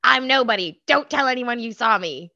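A woman voicing an excitable young girl who talks in giggly teen slang, in an improv comedy scene. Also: a little high, normal speed, no room sound, lo-fi sound. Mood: excited.

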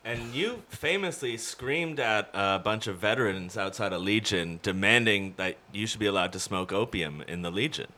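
A man's voice: fairly low pitch, normal speed, hardly any pauses, sharp tone. A man co-hosting a podcast, joking in a dry, tentative way during casual chat.

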